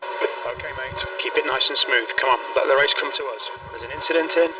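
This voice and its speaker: A man's voice: medium pitch, brisk. A man acting as a race spotter, giving clipped, matter-of-fact pit radio calls over a radio link. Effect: terse pit radio calls over a radio link. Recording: bright radio voice, distant, faint hiss.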